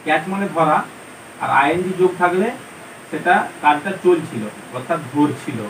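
A man's voice: fairly high pitch, normal speed, slight background noise, low-quality recording. A male teacher giving a patient, step-by-step lesson, asking and answering his own questions as he explains English words.

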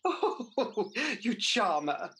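A British woman playing Mother Goose as a kindly, chatty pantomime dame, expressive and theatrical, for radio. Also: medium pitch, extremely slow, heavily acted. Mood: flattered, coy.

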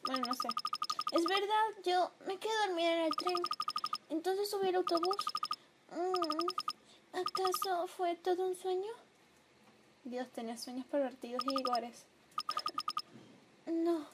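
A young woman commenting on a video game she is playing, emotional and prone to loud outbursts. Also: very high voice, unhurried, pauses often. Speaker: gameplay commentator. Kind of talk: let's play commentary. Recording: home mic with clear background noise.

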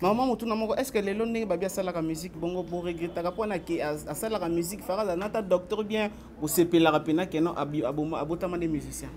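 A man with a Congolese accent working as a reporter, who asks short questions and calls out to children in lively bursts. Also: high voice, quick pace, few pauses. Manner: brief affirming interjections, then lively calls to a crowd. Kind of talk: street interview and event hosting. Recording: loud crowd around.

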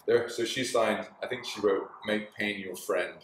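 A man's voice: on the low side, normal speed, fairly bright tone, slight background noise. A man in his forties, an interview guest who owns a bar and dojo, talking in an easygoing way with lots of fillers and laughs, recorded from a distance in a small bar. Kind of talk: relaxed conversational interview. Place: small bar with signed walls, indoors. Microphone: far camera in the room. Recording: echoey room from a distance.

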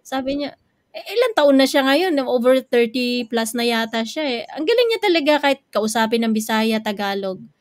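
A woman from the Philippines co-hosts a community radio program in a relaxed, chatty way, laughing often as she shares stories about her children. Her voice sits high, and the sound is close and dry with almost no room around it. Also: moderate pace, dry recording. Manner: chatty, laughs easily, tells family anecdotes. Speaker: radio co-host. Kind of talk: casual radio chat.

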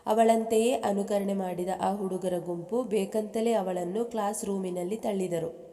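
A woman reads a love story aloud as narrator, giving each character's quoted lines in her own voice. Her tone is mellow and dark. A long reverb trails behind her words. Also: mid-range voice, measured pace. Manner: reads aloud at an even pace, dropping into the characters' speech for quotes.

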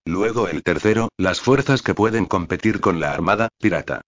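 A man narrating an audiobook in a steady, even reading with little expression. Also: sits low, normal speed. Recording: dull lo-fi audio.

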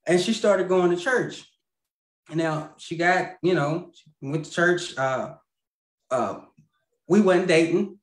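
A man in his thirties, his voice on the high side, tells a personal story as a guest on a video call from a room at home. He talks slowly with long pauses, rambling through fillers and restarts and laughing mid-sentence. The casual storytelling comes through roomy video call audio.

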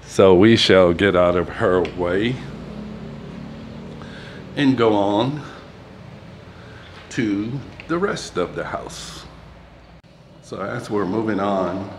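Chatty guy filming his house on his phone, rambles w/ lots of uh's, deep voice, noisy background. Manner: rambling and chatty, pauses with fillers. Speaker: vlogger giving a house tour. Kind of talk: casual walking-tour narration. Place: inside a two-story house, partly out on a balcony. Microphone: phone camera handheld while walking.

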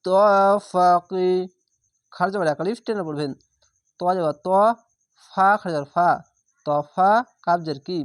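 A man teaching how to read scripture, spelling it out syllable by syllable in a patient, drawn-out way and repeating the rules. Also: a little high, no echo, studio quality. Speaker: Quran reading teacher. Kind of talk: spelling-out recitation lesson.

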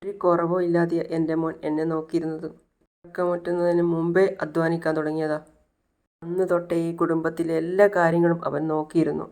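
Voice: medium pitch, completely flat delivery, brisk, darkish tone, close to an everyday voice. A storyteller voicing a grieving older mother who laments the loss of her son, in a retold serial. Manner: wailing, lamenting.

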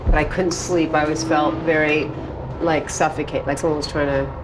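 Low-voiced woman chatting, noisy location sound. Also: little pitch movement, moderate pace. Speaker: guest revisiting a former home. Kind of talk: casual conversation. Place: city street and old apartment interior.

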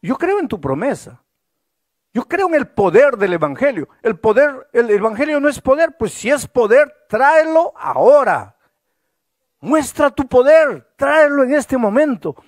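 A man preaching voices a young man who prays boldly, pleading in a loud and insistent way. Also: medium pitch, measured pace, dry recording, studio quality. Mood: fervent pleading.

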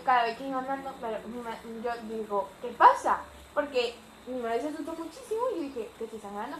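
A woman's voice: high-pitched, roomy sound, a little hiss or hum, poor audio. A young woman with a Spanish accent from Spain, rambling chattily with many fillers in a casual storytime vlog at home. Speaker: vlogger. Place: home living room.

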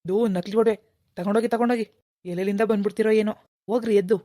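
Cartoon: woman doing a gruff sneering shopkeeper, rapid, dry, dark. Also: medium pitch, fairly even intonation, no echo, close to an everyday voice. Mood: scornful. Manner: gruff, dismissive, shooing people away. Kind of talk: animated cartoon dialogue.

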